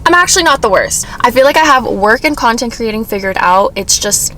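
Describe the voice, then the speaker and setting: A woman's voice: on the high side, animated, fairly quick, sharp tone, slight background noise. A young woman chatting casually through a Q&A vlog she films herself, sometimes talking while chewing a snack. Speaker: vlogger. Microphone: self-filmed on camera.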